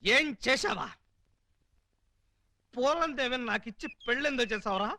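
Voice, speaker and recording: A man's voice: very high voice, animated, normal speed, gravelly, pushed and bright, no echo, clean studio sound, heavily acted. An actor in a Telugu comedy film playing a drunk man who brashly mocks and insults his boss. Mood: mocking. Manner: brash, mocking, sarcastic.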